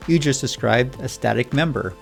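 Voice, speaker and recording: A man's voice: mid-range voice, normal speed, vocal fry, soft background music. A man teaching programming in a scripted lesson dialogue, patient and Socratic, asking questions to lead his student. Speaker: programming instructor.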